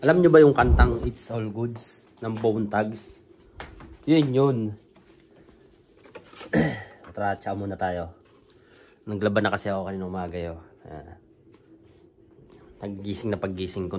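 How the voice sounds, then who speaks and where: A deep-voiced man from the Philippines talks loosely to his viewers over breakfast. His morning voice is thick and stuffy from a cold and sinus trouble, heavy enough to sound a little drunk. He rambles and keeps returning to the same catchphrase, with a faint hiss in the background. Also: fairly even intonation, measured pace, pauses often, darkish tone. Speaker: overseas worker vlogger. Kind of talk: casual morning chat to viewers.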